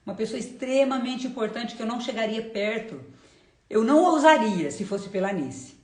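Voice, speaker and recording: In a roomy-sounding live stream shot on camera or phone, a woman with a Brazilian Portuguese accent gives an informal, effusive faith testimony. She's expressive, on the high side, and speaks at a moderate pace, often repeating short phrases and calling her audience "gente."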